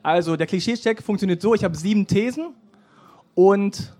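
A man's voice: high-pitched, moderate pace, dark tone. A man hosting a live podcast interview on an outdoor festival stage, casual and playfully teasing his guest. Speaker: podcast host.

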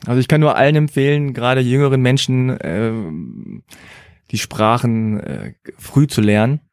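Measured man telling stories in chat. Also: mid-range voice, animated, a little mellow, dry recording, clean studio sound. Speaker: conversation partner. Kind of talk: casual chat.

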